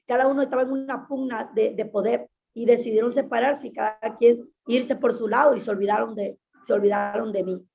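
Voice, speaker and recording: A woman's voice: fairly high pitch, fairly even intonation, a little fast, gravelly, few pauses, a little mellow. A woman pastor giving an earnest, emphatic personal testimony in an interview, often repeating her phrases. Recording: dull lo-fi sound.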